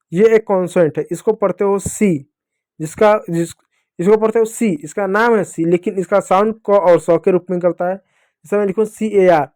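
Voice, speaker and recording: A man's voice: high voice, a little mellow, no room sound, clean studio sound. Patient man teaching children phonics. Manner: patient and repetitive, asks the children questions and answers them himself. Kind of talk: classroom phonics lesson explained in Hindi.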